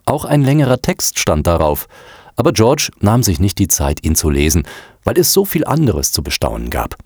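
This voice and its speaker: Low-voiced, animated male storybook narrator. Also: moderate pace, husky, dry recording, clean studio sound. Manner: expressive, animated reading. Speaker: audiobook narrator.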